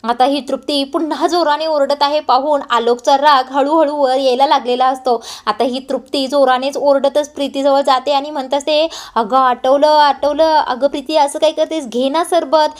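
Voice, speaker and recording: A woman retelling a TV serial episode, quoting each character's lines in her own voice with frequent short "uh" pauses. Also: high-pitched, fairly even intonation. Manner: quotes every character's dialogue in her own voice; brisk storyteller with frequent "uh" pauses. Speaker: serial recap narrator.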